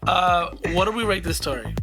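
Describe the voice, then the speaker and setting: A man's voice: high voice, sing-song, normal speed, gravelly, loud music behind the voice. A man co-hosting a podcast in casual, slangy chat, agreeable and laughing often. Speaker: podcast co-host.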